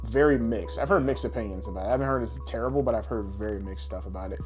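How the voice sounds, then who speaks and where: Racing along in a lowish voice, another male co-host joins the laid-back podcast talk about games and movies, keeping it slangy and blunt with lots of cursing. Faint music sits behind him.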